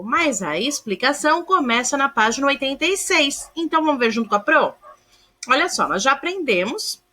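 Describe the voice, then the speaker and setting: A woman's voice: high voice, bright, forceful tone. A woman, a primary school teacher giving a recorded grammar lesson, sounding words out syllable by syllable and calling her pupils "amores". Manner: affectionate, calls pupils "amores", asks checking questions.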